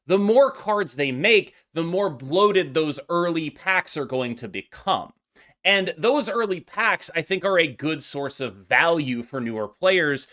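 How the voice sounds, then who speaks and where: A man's voice: a little high, pushed and bright. A man giving unscripted opinion commentary as a gaming content creator, arguing emphatically and discursively with many qualifications.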